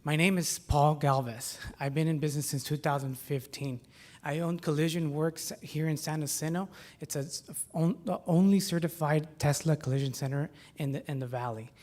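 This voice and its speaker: Nervous man delivering a halting startup pitch. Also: steady tone, a little mellow. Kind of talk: live pitch competition presentation.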